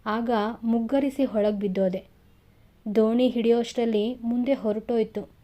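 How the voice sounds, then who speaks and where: A woman playing a humble working man, exhausted and modest, recounting in a soft, quiet voice. The tone is mellow and a touch high, close to her own reading voice. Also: steady tone, moderate pace, close to an everyday voice.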